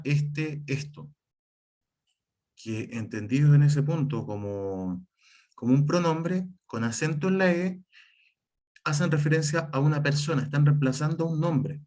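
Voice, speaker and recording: A man gives an online lesson in an even, medium-pitched voice. He explains step by step, restarts a phrase now and then, and keeps pointing to examples. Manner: explanatory, repeats "por ejemplo" and "en este caso", some restarts. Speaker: teacher. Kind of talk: online class lecture on writing and spelling.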